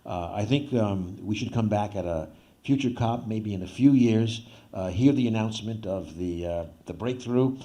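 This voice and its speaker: A man wraps up a conference panel as its moderator. He speaks haltingly, with many fillers and small laughs. His voice is low-pitched, mellow and warm. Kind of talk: closing remarks.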